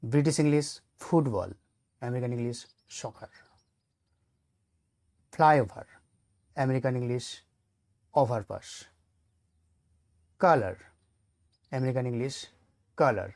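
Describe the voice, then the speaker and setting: A man gives an English vocabulary lesson, going through word pairs one by one at an unhurried pace. His voice sits at an ordinary middle pitch and the recording is dry and close, with no room sound. He is patient and methodical, like a classroom teacher. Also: mellow, no room sound. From Bengal.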